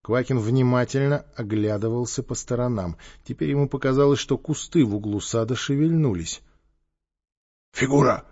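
A man narrating a children's story in an expressive, lively style. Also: mid-range voice, brisk, few pauses, highs cut off. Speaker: audiobook narrator. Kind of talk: literary narration.

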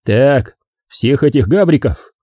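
A man voicing a gruff middle-aged partisan commander who gives curt, commanding orders. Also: mid-range voice, expressive, takes it slowly, warm tone, no echo.

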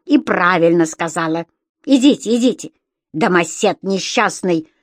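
A woman's voice: medium pitch, measured pace, dry recording, clean studio sound, natural voice. A woman voicing a bossy, rude landlady who scolds and barks commands. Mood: scolding.

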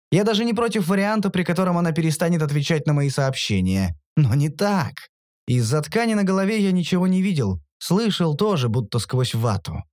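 A man narrates a first-person audiobook, wry and sardonic. His pitch moves a lot and keeps the telling animated. The recording is dry and close-miked. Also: no echo.

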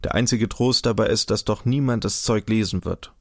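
A man's voice: fairly low pitch, dry recording, clean studio sound, lightly acted. A man voicing a touchy, suspicious scholar who speaks dismissively and bitterly in an audiobook. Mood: indignant. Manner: dismissive, bitter, quick to indignation.

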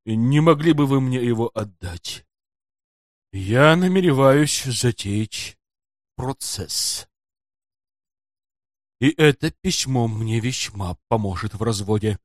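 A man's voice: medium pitch, animated, takes it slowly, pauses often, dry recording, clean studio sound. A man voicing an anxious middle-aged detective who talks in a fussy, wheedling, melodramatic way in an audiobook. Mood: pleading. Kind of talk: audiobook character voice.

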